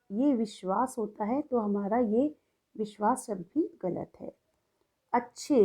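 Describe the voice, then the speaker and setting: A young woman teacher with a slightly high, mellow voice. She works through a grammar lesson patiently, step by step. She often pauses to check in with her class. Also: highs cut off. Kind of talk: recorded Hindi grammar lesson.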